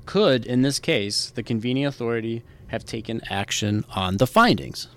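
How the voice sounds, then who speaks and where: A man with a mid-pitched voice hosts a legal podcast. He explains in an informal, conversational manner, like a colleague quizzing another. He repeats key points for emphasis. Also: animated, normal speed, a little hiss or hum. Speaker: podcast host, military lawyer.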